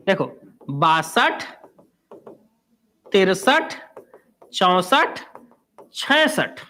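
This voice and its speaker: Male coaching teacher, high voice, chatty lecturing that quizzes the class. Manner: chatty, quizzes students and answers himself. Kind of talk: live online class lecture.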